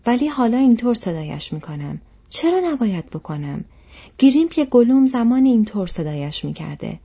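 A woman voicing an old male hobbit, possessive and agitated, who speaks in a shrill, raised, insistent way. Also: vocal fry, a little mellow, breathy edge. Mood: angry, possessive. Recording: dull lo-fi recording.

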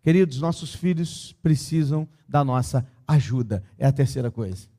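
A man preaching a sermon and telling a story, swinging between loud emphasis and quiet tenderness. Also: mid-range voice, lively intonation, moderate pace.

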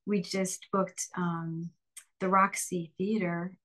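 A woman's voice: fairly low pitch, little pitch movement, slow, a bit bright, low-quality recording. A woman guest in an interview, talking in a chatty, upbeat way with plenty of fillers and laughs. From Pennsylvania, Lehigh Valley. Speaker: singer and bandleader, interview guest. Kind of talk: casual interview conversation.

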